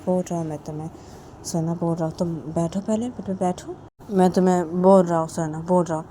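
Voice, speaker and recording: A woman doing a calm, gently firm father. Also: lowish voice, brisk, a little hiss or hum, natural voice. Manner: calm, repeats himself.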